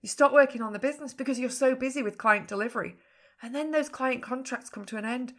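A woman's voice: high-pitched, quick pace. A woman business coach giving a frank, emphatic podcast talk, swearing casually now and then. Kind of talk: podcast teaching monologue.

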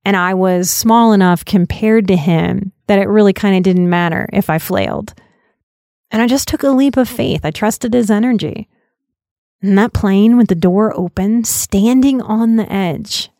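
A woman in her late thirties, a podcast host and life coach, telling a personal story in an earnest, reflective way and slowing down for emphasis. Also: mid-range voice, warm tone, no room sound, studio quality. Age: 30s.

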